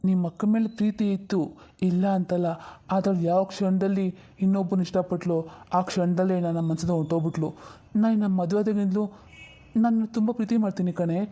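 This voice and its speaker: A woman voicing a young husband in an animated drama, earnest and defensive. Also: medium pitch, a little fast, natural voice. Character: young husband, gentle and pleading.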